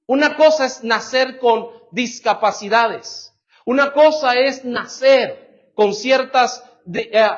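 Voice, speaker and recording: A pastor preaching a sermon in church, animated and full of rhetorical questions. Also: male voice, very high-pitched. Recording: dull lo-fi church recording.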